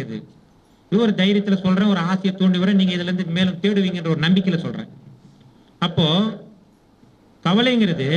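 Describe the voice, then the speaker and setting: A man giving a spiritual talk to an audience in a conversational way, often asking them questions and acting out short exchanges. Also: high-pitched. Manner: conversational, questions the audience, acts out little dialogues. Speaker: spiritual teacher. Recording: dull lo-fi recording.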